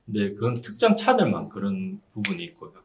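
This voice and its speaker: Lower-pitched, lively man in his forties, salesman's patter. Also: brisk. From Busan, South Korea. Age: 40s. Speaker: used car dealer. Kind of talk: informal on-camera interview giving buying advice.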